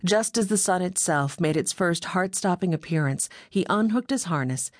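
A woman reading a novel aloud as an audiobook narrator, in steady scripted storytelling. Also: lowish voice, normal speed, no room sound, studio quality.

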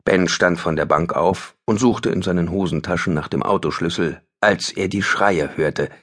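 A man's voice: sits low, moderate pace. A man narrating a thriller audiobook in a tense, dramatic scripted reading.

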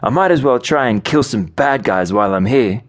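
A man's voice: medium pitch, animated, moderate pace, pitched above the performer's own voice, natural voice. A male narrator voicing a tough, short-tempered frontier woman who talks with a blunt, folksy drawl. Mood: weary, resigned. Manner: blunt, snappish. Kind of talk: audiobook character voice.

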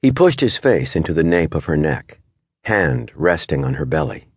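A man narrating a literary novel as an audiobook, measured and expressive. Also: very deep voice, husky, dry recording. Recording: dry studio recording.

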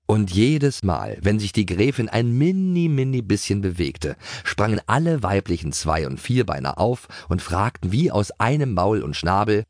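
Male narrator, children's audiobook, deep voice, animated, playful, dry close sound. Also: no echo. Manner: playful, expressive.

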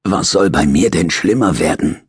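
A man putting on a dying old convict in an audiobook, his voice hoarse and rasping, husky and breathy. He drags his words out slowly, wheedling and cursing by turns, bitter and defiant to the end. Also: deep voice, no echo, clean studio sound. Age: older.

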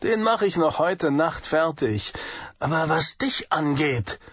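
Man voicing a hissing young gang leader, cruel, taunting, raised pitch, husky, trocken recorded storybook. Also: animated, slow pace, a bit bright, no echo, dull audio, exaggerated voice. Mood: menacing.

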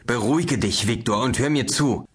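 A man's voice: deep voice, fairly quick, slightly rough. A man voicing a gaunt, worried older male doctor who pleads urgently with a friend in an audiobook thriller.

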